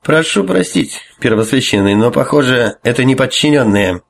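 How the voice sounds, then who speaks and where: A man's voice: mid-range voice, expressive, normal speed, gravelly, slight background noise, pitched above the performer's own voice. A man voicing a restrained admiral who speaks with formal, strained courtesy. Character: restrained middle-aged male admiral, tense and polite.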